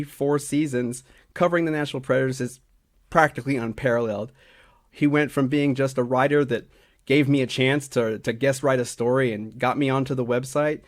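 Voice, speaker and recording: A man of middling pitch reads through a scripted list of season awards as a regular on a hockey show. His delivery is steady and packed with numbers, with the odd slip and restart. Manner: steady, stat-heavy delivery with small slips and restarts. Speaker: hockey analytics writer and podcast regular. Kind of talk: reading a scripted awards segment.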